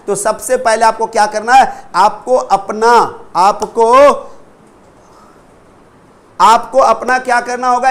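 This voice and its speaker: High-voiced Indian teacher drilling English phrases. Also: male voice. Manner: drills phrases slowly, repeating each several times; calls on viewers by name in a friendly way. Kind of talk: live online class, mixing Hindi and English.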